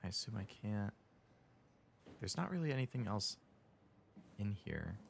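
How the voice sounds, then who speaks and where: A man's voice: on the low side, very animated, measured pace, creaky, a little hiss or hum. A man live streaming a horror game, chatting casually and nervously muttering to himself as he plays. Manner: nervous, uneasy, muttering to himself while playing. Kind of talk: casual chat while playing a horror game.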